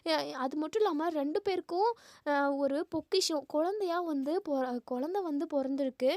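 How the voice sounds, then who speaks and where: A woman's voice: high-pitched, normal speed, a little mellow, dry recording, studio quality, close to an everyday voice. Woman reading an earnest young man. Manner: earnest, reasoning.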